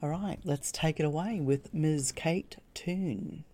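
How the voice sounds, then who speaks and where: A woman's voice: sits low, slow pace, warm tone. A woman in her fifties hosting a podcast, playful and gushing as she teases and introduces her guest. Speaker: podcast host. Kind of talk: casual interview chat.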